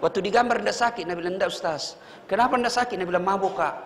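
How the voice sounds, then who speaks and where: A man with a Makassar Indonesian accent preaching a blunt, joking sermon, swinging between shouted lines and low asides. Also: very fast, slight background noise. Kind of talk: sermon to prison inmates. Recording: echoey hall with long reverb.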